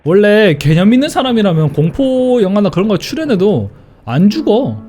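A man's voice: high voice, very animated, moderate pace, warm tone. A man streaming a horror game with casual commentary, easily scared, grumbling and swearing as he plays.

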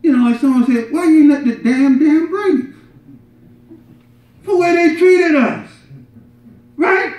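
Speaking directly to worshippers seated on the carpeted floor of a mosque prayer hall, a middle-aged imam gives his Friday sermon with lively swings between loud emphasis and quiet asides, often tossing in a rhetorical "right?" His very high voice moves a little slowly, broken by long pauses. The indoor recording is roomy and distant, with the slightly dull quality of camera audio.

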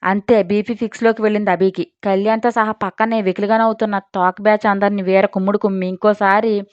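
Female storyteller, dramatic and expressive, mid-pitched; dry, slightly dull recording. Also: quick pace, dry recording. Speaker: audio story narrator. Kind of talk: scripted storytelling narration.

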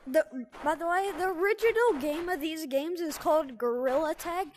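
A woman giving casual, excitable gameplay commentary, rambling and stumbling over her words as she plays. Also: extremely high pitch, moderate pace, slight background noise. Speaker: gaming video creator.

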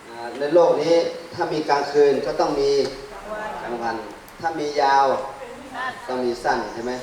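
A man who is a Buddhist monk, teaching a class with a handheld mic. He quizzes the audience and fills his pauses with a drawn-out "ah". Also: mid-range voice, darkish tone. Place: large hall, standing before a seated group. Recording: very echoey hall, distant mic, faint noise.

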